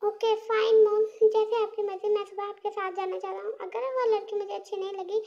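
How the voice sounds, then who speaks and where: A woman's voice: very high-pitched, flat delivery, a little fast, creaky, dark tone, highs cut off. A woman voicing a whiny reluctant young man. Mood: grudging. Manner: whiny, protesting.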